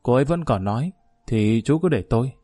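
A man voicing a calm, firm middle-aged village woman who mediates among husbands, speaking in a measured, plain-spoken, commanding way. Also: medium pitch, dry recording, clean studio sound, faint music behind, natural voice.

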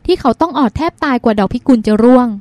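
A woman reading the lines of a calm, wise older sister who soothes and gives advice. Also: high voice, quick pace, dry recording. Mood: gentle. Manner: soothing, advising, gently teasing. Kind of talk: audiobook character reading.

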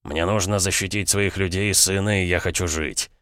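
A man's voice: sits low, dry recording, clean studio sound. A man playing a cold, stubborn count. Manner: flat, cold, unhurried. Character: selfish stubborn nobleman, man, middle-aged. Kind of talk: audiobook character voice.

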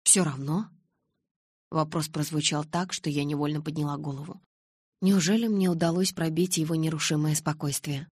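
A woman narrating a novel in the first person, reading expressively and giving the dialogue lively delivery. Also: low-pitched, brisk, husky, no echo. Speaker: audiobook narrator.

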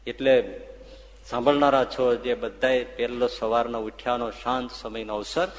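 A man, a swami, telling devotional stories in a sermon, moving between hushed passages and loud, ringing ones. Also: mid-range voice, a little slow. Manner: expressive, swings from hushed to loud. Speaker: swami preacher. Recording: long hall reverb.

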